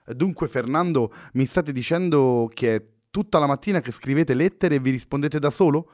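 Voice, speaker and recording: A man's voice: medium pitch, moderate pace, darkish tone, pitched above the performer's own voice, lightly acted. A man reading as a polite young woman. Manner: polite, formal questions. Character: young woman, curious and cautious.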